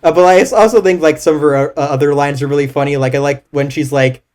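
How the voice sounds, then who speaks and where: A man's voice: on the high side, steady tone, fast, a little mellow. A man in a casual movie chat, talking in a rambling, hesitant way with many fillers. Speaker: co-host.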